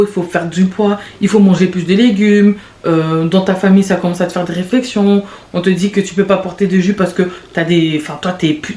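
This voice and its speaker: A woman in her late twenties hosting a podcast, talking in a rambling, confessional way with quick restarts and laughs. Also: mid-range voice, a little mellow. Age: late 20s. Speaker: podcast host. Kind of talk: casual confessional monologue. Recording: echoey room with faint background noise.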